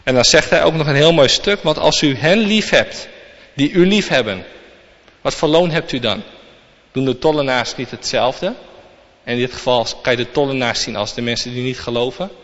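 A man's voice: medium pitch, normal speed, fairly bright tone. A man giving a sermon, reading scripture aloud and then explaining it to the congregation. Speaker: preacher. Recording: long reverb, dull lo-fi sound.

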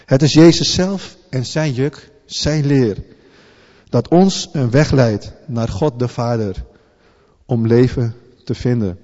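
A man's voice: mid-range voice, darkish tone. Earnest preacher man in a reverberant hall. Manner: earnest, halting, restarts words often. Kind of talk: sermon. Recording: long hall reverb, dull lo-fi sound.

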